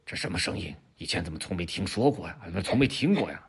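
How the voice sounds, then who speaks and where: A man's voice: low-pitched, sing-song, quick pace, breathy edge, full character voice. A man voicing a wary, scheming male tiger in a children's story, stammering and exclaiming as he sizes up his prey.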